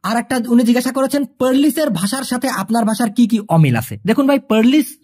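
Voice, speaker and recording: A woman from Bangladesh, teaching a language lesson and patiently answering viewer questions, repeating words slowly to drill them. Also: a little high, expressive, mellow, breathy edge.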